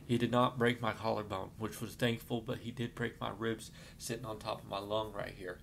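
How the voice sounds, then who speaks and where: A man's voice: lowish voice, brisk, creaky, a little hiss or hum. A man telling his own life story, rambling with fillers and restarts, shaken as he recalls the events. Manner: gets shaken and apologizes, trying to calm down. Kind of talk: emotional personal storytelling.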